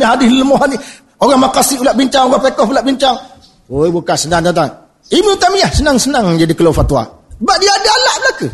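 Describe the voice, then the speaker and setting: A middle-aged man with a Malaysian Malay accent giving a lively, jokey religious lecture, often addressing his audience directly. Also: extremely high pitch.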